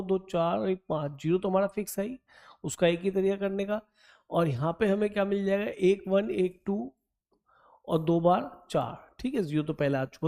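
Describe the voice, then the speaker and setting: With a high, dark-toned voice, this maths teacher explains an exam problem on a board step by step. He coaxes students along in mixed speech, addresses them as beta, and counts aloud as he thinks.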